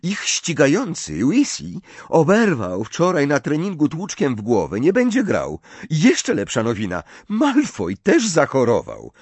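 A man's voice: a little high, wildly swooping pitch, a little slow, hardly any pauses, darkish tone, husky, no echo, pitched above the performer's own voice, heavily acted. A man reading an audiobook and voicing an eager, chatty teenage girl who passes on news bluntly. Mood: excited. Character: lively, excited teenage girl, brash and chatty.

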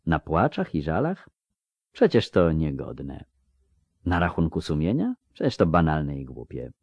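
Man reading a low murmury woman, slow and soft, storybook, dry close mic. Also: huge pitch swings, husky, dry recording, dull audio, exaggerated voice. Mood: languid. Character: sensual grown woman, low and languid.

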